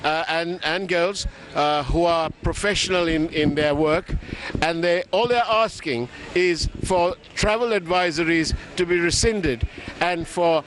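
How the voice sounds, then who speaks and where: Brief: higher-voiced male field reporter, chatty live delivery, loud street traffic behind. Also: measured pace. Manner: conversational, frequent fillers. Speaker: news reporter. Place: city street outdoors. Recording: outdoor street with traffic noise.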